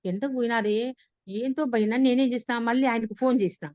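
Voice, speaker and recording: Fast-talking woman. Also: a little high, no echo. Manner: animated retelling with frequent restarts. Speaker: class participant sharing an experience. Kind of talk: casual personal storytelling on a video class. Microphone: video call.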